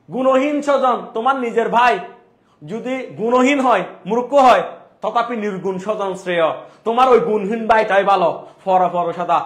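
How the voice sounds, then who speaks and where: A man leads a live literature class. His voice sits high for a man, and he breaks each verse into plain speech, posing questions and answering them himself. The room around him gives an echo. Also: fairly bright tone. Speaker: teacher. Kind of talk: live class explaining a poem. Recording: echoey room.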